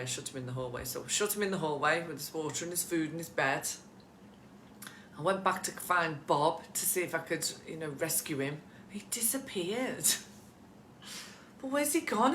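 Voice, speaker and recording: A woman's voice: sits low, a bit bright, echoey room, slight background noise. A woman coaching photographers in a casual live session from home, chatty and encouraging, addressing viewers by name. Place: at home with pets nearby.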